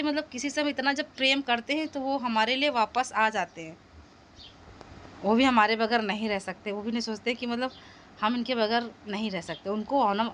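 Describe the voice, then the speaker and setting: A woman's voice: fairly bright tone, a little hiss or hum. Woman chatting about her dog at home. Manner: talks to her dog in high coaxing calls. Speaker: vlogger. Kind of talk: casual home vlog narration.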